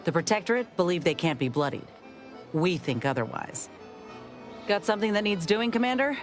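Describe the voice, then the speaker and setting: A low-pitched woman plays a tough game companion spoiling for a fight. She talks in a folksy, defiant way with music clearly behind her. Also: sing-song, moderate pace. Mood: defiant, wry. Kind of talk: video game dialogue.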